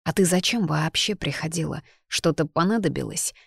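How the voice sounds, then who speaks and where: Storybook figure: a woman reading a steady village man, low, hushed and solemn. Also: normal speed, gravelly, husky, no echo, studio quality, exaggerated voice. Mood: somber. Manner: low, muted delivery.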